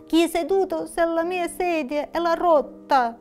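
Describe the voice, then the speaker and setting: Woman putting on a tiny whimpering bear cub voice, very high, shrill, faint music underneath. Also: measured pace, darkish tone. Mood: whiny. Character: whiny little male bear cub.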